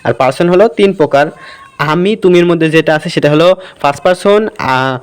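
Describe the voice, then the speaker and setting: With a brisk, clear, resonant voice pitched on the high side, a man explains English grammar in a relaxed classroom manner. He's talkative and fields his own questions, while the surroundings are noisy.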